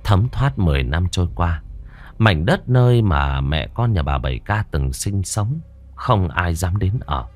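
A man narrating a ghost story audiobook in an expressive, dramatic manner. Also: low-pitched, measured pace.

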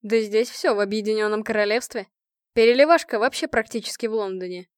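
A woman voicing a cheerful, loud male colonel who teases with mocking nicknames. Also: medium pitch, fast, no echo, clean studio sound, lightly acted. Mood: jovial teasing.

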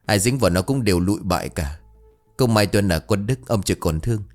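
A man's voice: lowish voice, expressive, brisk, a little mellow, soft background music. A man voicing a stern, blunt middle-aged businesswoman who speaks curtly. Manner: curt, accusing.

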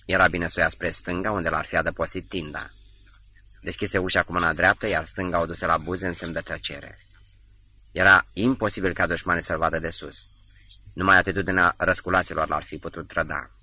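A man reading a novel aloud as an audiobook narrator, in a measured, steady way. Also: sits low.

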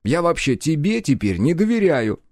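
A man voicing a brash, touchy young man with blunt, loud outbursts. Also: on the high side, very animated, normal speed, dry recording, clean studio sound, voice pushed up.

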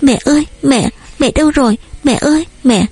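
A woman reading an audiobook, voicing a sensitive young girl in a high childlike voice. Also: normal speed, dark tone. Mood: crying.

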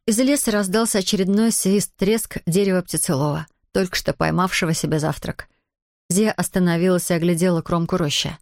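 A woman narrating an audiobook in an even, measured storytelling manner. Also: on the low side, no room sound, studio quality.

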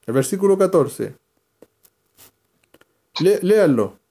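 A man's voice: high voice, very animated, takes it slowly, dark tone. Man teaching a Bible class. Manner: explanatory, directs readers by name.

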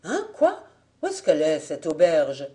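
Woman reading a loud, jolly drunk farmer for an audiobook, mellow low voice. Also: measured pace, lightly acted. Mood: teasing. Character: boozy male farmer, jovial, thirsty.

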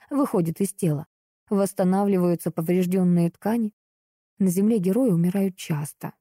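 A woman reading a first-person novel aloud, with expressive, wry storytelling. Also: mid-range voice, dry recording, studio quality. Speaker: audiobook narrator.

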